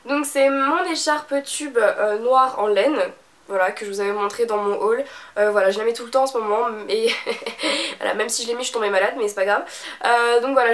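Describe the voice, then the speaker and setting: A young woman from France, a beauty vlogger with a stuffy nose, chatting casually with many fillers and restarts. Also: on the high side. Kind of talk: casual chat.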